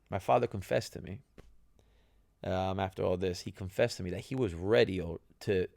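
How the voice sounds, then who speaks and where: In a clean studio recording with no room sound, a young man whose first language is Italian, a podcast host and ex-soccer player, shares stories conversationally in a low-pitched voice with vocal fry, using plenty of fillers and "right?" tags.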